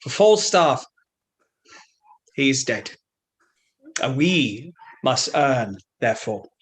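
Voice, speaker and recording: Slow, hammy swaggering soldier. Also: male voice, medium pitch, sing-song, poor audio. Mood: bombastic grief. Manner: hammy, declamatory stage acting. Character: swaggering, bombastic soldier husband rousing his grieving companions. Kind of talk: Shakespearean stage acting.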